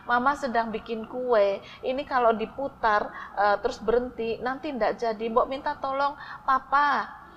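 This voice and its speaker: A woman's voice: a little high, normal speed, highs cut off, slight background noise, pitched above the performer's own voice, natural voice. A woman voicing a busy mother who is harried and insistent in a devotional story.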